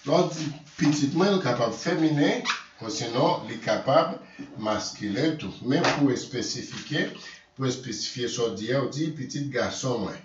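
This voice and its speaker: A man teaching vocabulary in a slow lesson, repeating words and correcting himself. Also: mid-range voice, expressive, slight background noise. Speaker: language teacher. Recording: distant echoey room, dull lo-fi sound.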